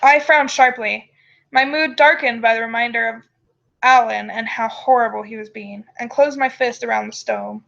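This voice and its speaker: A woman's voice: a little high, steady tone, moderate pace, gravelly, a bit bright. A woman storyteller reading a first-person tale aloud on a dull, lo-fi microphone. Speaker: storyteller and show host.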